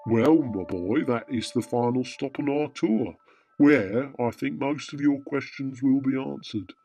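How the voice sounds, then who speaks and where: A man playing a deadpan, immortal Father Christmas. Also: medium pitch, a little slow, soft background music, natural voice. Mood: calm, avuncular. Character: Father Christmas, immortal, wryly matter-of-fact male gift-giving saint. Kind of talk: radio drama dialogue in comic pantomime.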